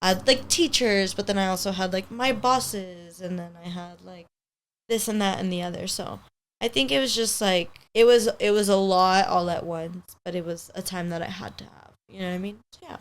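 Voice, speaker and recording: A young woman in her twenties, a hair stylist whose first language is Spanish, chats casually as a podcast guest. Her medium-pitched voice moves at a normal speed, and she rambles upbeat, packing her talk with "like."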